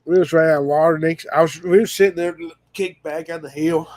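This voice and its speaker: A man's voice: a little high, steady tone, fairly quick, a little mellow. A man telling a story in casual chat, in a folksy, drawling way.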